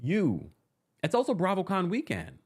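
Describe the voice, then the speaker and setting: A man's voice: high-pitched, normal speed, vocal fry, slightly rough. A man hosting a live-stream recap, reading fan messages aloud and riffing in a sassy, laughing way. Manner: sassy, animated, laughs often. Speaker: recap show host.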